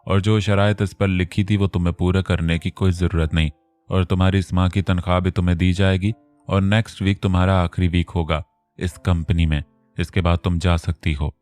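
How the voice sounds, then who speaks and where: Man reading composed young male boss, curt, calm, deep low voice, dry close sound. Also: normal speed, dry recording, soft background music, lightly acted.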